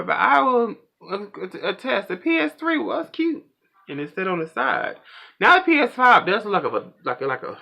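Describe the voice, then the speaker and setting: A man hosting a pop culture vlog, ranting in a casual, animated and opinionated way. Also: sits high, vocal fry.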